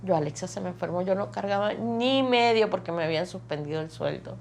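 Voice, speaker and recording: A woman's voice: on the low side, brisk, creaky, a little mellow, a little hiss or hum. Woman telling her testimony. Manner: vivid, repetitive storytelling that piles up phrases. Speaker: testimony guest. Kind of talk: emotional personal testimony.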